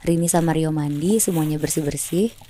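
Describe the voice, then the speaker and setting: A woman's voice: low voice, brisk, mellow, slight background noise. A woman casually telling a horror story on a podcast, chatty and slangy, acting out sounds.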